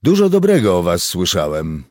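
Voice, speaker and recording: A man voicing a calm, self-assured male volunteer who speaks in a measured, diplomatic way. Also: low-pitched, no room sound, studio quality.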